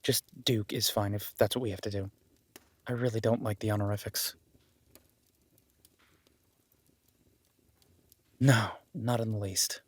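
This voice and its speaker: A man with a lowish voice, recorded dry, acts lightly as a clumsy, self-deprecating young werewolf duke in a roleplay audio drama. He stammers, apologizes, and talks informally to the listener, sounding uneasy and modest.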